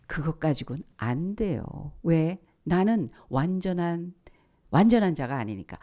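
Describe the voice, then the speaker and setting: A woman pastor preaching at a church service. She asks rhetorical questions, repeats her key points, and drops now and then to a hushed, breathy whisper. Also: low-pitched, sing-song, a little slow, muffled recording. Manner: rhetorical questions and emphatic repetition. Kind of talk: sermon.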